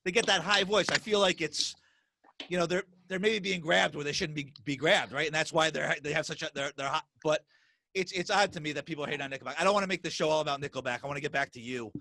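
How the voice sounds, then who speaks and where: Animated middle-aged podcast host, brisk rapid talker, bright tense voice, dry close sound. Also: male voice, fairly high pitch, creaky, no room sound. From US Northeast. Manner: animated, talks fast, many restarts and repeated words. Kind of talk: casual interview chat.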